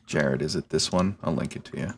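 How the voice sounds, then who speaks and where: A man's voice: very deep voice, a little fast, gravelly, a little hiss or hum. A man chatting casually on a game stream, wry and teasing.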